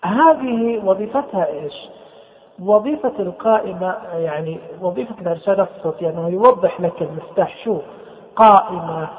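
High-voiced man teaching over a tinny line. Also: animated, brisk. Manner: explains step by step, repeats key terms. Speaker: instructor. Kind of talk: screen-reader software tutorial. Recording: tinny phone-like sound with long reverb.

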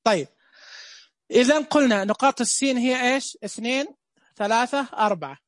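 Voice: mid-range voice, brisk, no echo, clean studio sound. Playful teacher. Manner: playful, jokes with viewers, repeats counts. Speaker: Braille teacher. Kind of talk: casual live online lesson.

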